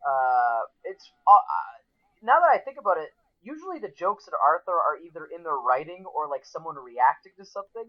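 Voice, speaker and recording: Slightly higher-voiced guy co-hosting, excitable and rambly, muffled lo-fi mic. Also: normal speed. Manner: enthusiastic, rambling, with many fillers. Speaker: podcast co-host. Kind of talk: casual chat.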